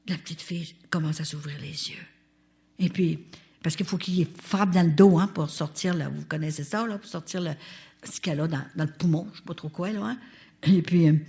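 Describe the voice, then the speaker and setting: A woman's voice: low-pitched, vocal fry. Older woman with a Canadian French accent. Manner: animated, talks straight to the audience. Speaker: speaker at a religious retreat. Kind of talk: testimony storytelling.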